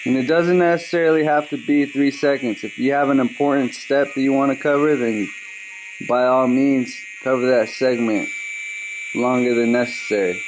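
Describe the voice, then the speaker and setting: A man's voice: medium pitch, fairly even intonation, normal speed, noisy background. A man, a barber, giving a casual step-by-step how-to, often tagging his points with "right?". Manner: walks through steps, tags lines with "right?".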